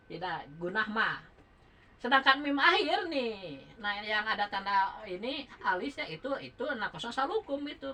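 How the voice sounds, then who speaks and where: A woman teaching Quran recitation rules in a relaxed home lesson, patiently spelling out letters and counting beats aloud. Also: medium pitch, poor audio.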